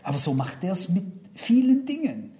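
A man's voice: high-pitched, wildly swooping pitch, normal speed, warm tone. A man preaching a sermon to his congregation, asking them many rhetorical questions and quoting Bible verses. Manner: quotes and reads Bible verses aloud.

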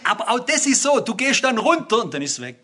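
A man's voice: very high-pitched, very animated, quick pace, bright, forceful tone, slightly rough. An older man preaching a sermon, talking straight to his listeners and rising to emphatic exclamations. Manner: emphatic, rising to exclamations, addresses the congregation directly.

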